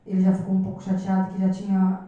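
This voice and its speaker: A woman's voice: mid-range voice, completely flat delivery, fast, warm tone, dull audio. A woman with a Brazilian Portuguese accent giving an earnest, repetitive church testimony, often addressing the congregation as brethren. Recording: echoey church hall from far off.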